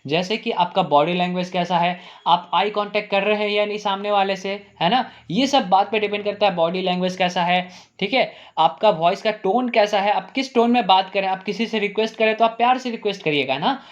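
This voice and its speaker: A male English teacher explaining grammar, asking the class rhetorical questions and repeating "ठीक है?" while saying example sentences slowly. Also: high voice, muffled recording.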